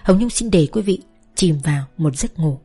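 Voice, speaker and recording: A woman narrating a novel as an audiobook reader, reading softly, slowly and tenderly over faint background music. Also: lowish voice, animated, breathy edge. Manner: soft, slow, tender storytelling.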